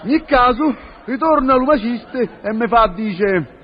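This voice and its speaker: A man's voice: very high voice, expressive, takes it slowly. A man telling a rustic comic monologue in first person, rambling and indignant, full of rhyming curses. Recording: lo-fi recording with faint audience.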